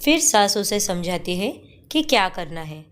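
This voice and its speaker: A woman narrating a cartoon story in a plain, steady voice. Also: mid-range voice, measured pace.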